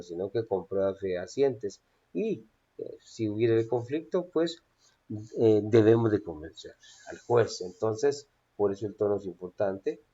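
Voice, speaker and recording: A man teaching a lesson on public speaking in a measured, instructive way, often addressing his listeners directly. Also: mid-range voice, warm tone. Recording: dull lo-fi phone recording.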